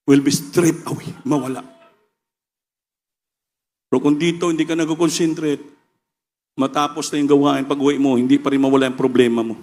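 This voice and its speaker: A man with a Filipino accent preaching a sermon with passion, swinging between loud preaching and quieter asides. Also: medium pitch, steady tone, normal speed, pauses often.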